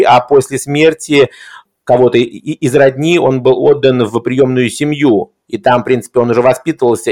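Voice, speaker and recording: A man's voice: medium pitch, darkish tone. A man discussing film in a reflective conversational way, hesitant, with erudite and formal wording.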